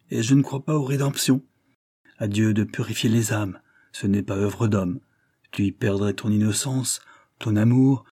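A man reading as a cold, gray-mustached older gentleman. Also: mid-range voice, no echo, clean studio sound, lightly acted. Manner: cool, cutting, worldly-wise. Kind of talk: audiobook character reading.

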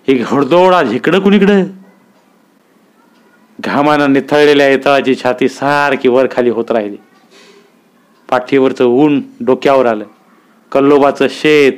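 A man narrating a story aloud in a steady, measured way. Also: mid-range voice, smooth. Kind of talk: story reading.

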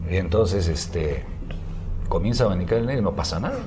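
A man who is a guest on a radio show, telling a joke haltingly with fillers and bursts of laughter. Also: low voice, lively intonation. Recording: noisy radio broadcast.

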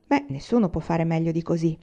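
Woman reading a gentle, reassuring father, warm and mellow. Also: sits low, expressive, brisk, vocal fry, full character voice. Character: kindly pioneer father, man.

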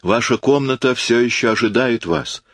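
A man's voice: mid-range voice, normal speed, fairly bright tone, dry recording, voice pushed up, lightly acted. Reader as a teasing young woman: lightly raised voice, playful scolding, close and dry. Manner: chiding, playful. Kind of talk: audiobook character reading.

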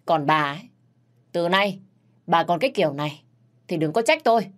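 A woman's voice: lowish voice, normal speed, close to an everyday voice. A woman voicing a stern, fair-minded older father-in-law who reprimands his wife. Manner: firm, reproving.

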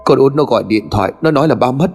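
A man's voice: medium pitch, animated, darkish tone, slightly rough, soft background music. A man voicing a stunned young man who stammers out bad news. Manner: halting, stammering.

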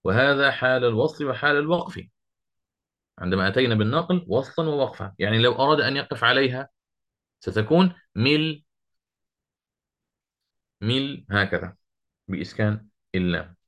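A middle-aged man at a medium pitch teaching the finer rules of Quranic recitation. He explains each step patiently, stops to quiz his students, and slows down to recite verses in a drawn-out way. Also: animated, fairly bright tone. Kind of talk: interactive lesson on Quranic readings.

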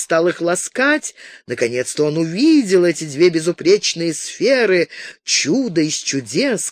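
A man reading a romance novel aloud as narrator with measured, expressive delivery. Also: high voice, dry recording, clean studio sound. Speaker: audiobook narrator. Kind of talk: scripted narration.

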